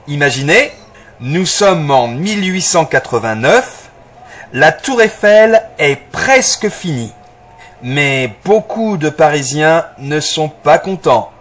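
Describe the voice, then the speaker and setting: A man playing an upbeat escape game guide in an audio story for language learners, articulating deliberately. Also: fairly high pitch, a bit bright, exaggerated voice. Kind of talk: slow, clear language-learner audiobook dialogue.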